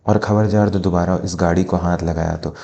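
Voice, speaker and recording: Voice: low-pitched, fairly even intonation, brisk, vocal fry, warm tone, lo-fi sound. A man playing a rude, scornful showroom salesman. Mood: threatening. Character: arrogant male car showroom salesman. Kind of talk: Hindi family drama.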